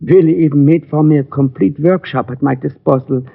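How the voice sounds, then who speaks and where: This 1940s radio drama features a man as a small, polite German immigrant gunmaker in his sixties who seeks help. Earnest and gravelly, on the high side with fairly even intonation, he speaks halting, formal English with a German accent and foreign phrasing, and the recording is tinny and vintage.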